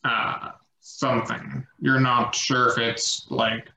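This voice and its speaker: A man narrating as game master of a tabletop game, slow and halting with many fillers. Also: medium pitch, level tone, creaky, sharp tone, echoey room, slight background noise, poor audio.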